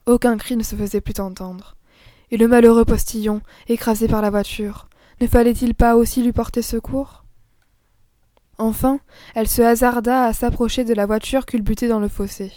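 Woman narrator, storybook reading, measured and expressive, fairly high, dry sound. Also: no room sound. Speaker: audiobook narrator. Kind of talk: scripted narration.

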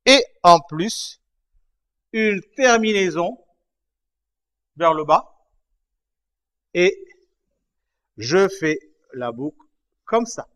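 A man teaching a writing lesson, slowly explaining each stroke, repeating himself and checking that his students follow. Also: high voice, animated, fairly bright tone. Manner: patient, repeats and checks understanding. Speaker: language teacher. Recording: dull lo-fi recording.

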